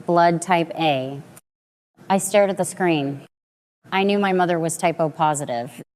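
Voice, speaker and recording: A woman in her late twenties giving a measured, dramatic first-person story narration. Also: lowish voice, a little mellow. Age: late 20s.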